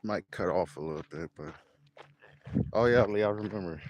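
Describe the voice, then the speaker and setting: A man with a fairly low voice talks in an easygoing, rambling way as he walks and jogs down an outdoor trail. He is recorded on a handheld phone video, and clear outdoor noise from wind and footsteps sits behind him. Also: normal speed, low-quality recording. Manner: relaxed, rambling, self-amused. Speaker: vlogger. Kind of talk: casual walking vlog. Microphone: handheld camera while walking and jogging.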